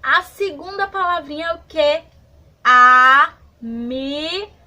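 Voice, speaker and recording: A woman with a Brazilian accent teaching young children in an online lesson, stretching words slowly and asking many questions. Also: sits high, lively intonation, pushed and bright. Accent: Brazilian Portuguese. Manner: slow, drawn-out words for small children. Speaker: preschool teacher.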